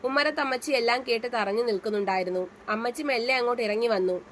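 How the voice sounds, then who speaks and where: A woman storyteller calmly reading a story aloud. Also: fairly high pitch, fast, slight background noise. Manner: calm, steady reading aloud. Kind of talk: scripted story narration.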